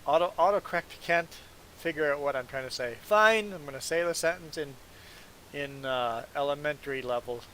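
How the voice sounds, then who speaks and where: Speaking English at a moderate pace, a streamer from Belize, a native Plautdietsch (Mennonite Low German) speaker, jokes at his own expense while chatting casually with viewers during a live stream. His voice is fairly high and fairly bright, with slight background noise.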